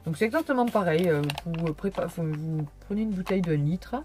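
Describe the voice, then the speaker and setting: A woman's voice: on the low side, lively intonation, a little fast, a little mellow. A tired young woman chatting through a casual haul video, rambling and hesitant with many fillers. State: tired, yawning. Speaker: vlogger.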